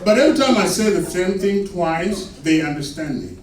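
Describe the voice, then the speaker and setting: A man with a Sudanese accent works through a stand-up set, landing his punchlines slow and deadpan. His slightly high voice carries from far off across an echoey club room. A crowd laughs loudly underneath, with steady noise. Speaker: stand-up comedian. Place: comedy club stage. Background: audience laughter.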